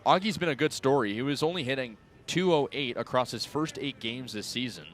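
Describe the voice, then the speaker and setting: This young adult man calls live baseball on the radio with a mid-range voice and a fairly quick pace. He describes the action in clipped phrases, and his energy follows the field, rising when plays happen.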